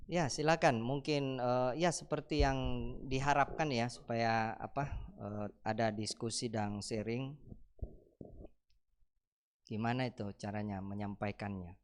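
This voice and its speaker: A man leads a church teaching session and Q&A. He is lively and playful, laughing often and slipping into short acted-out exchanges. His voice sits at an ordinary middle pitch. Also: a little slow, pauses often, clear, resonant tone. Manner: lively, acts out mock dialogues, laughs often, teasing rhetorical questions.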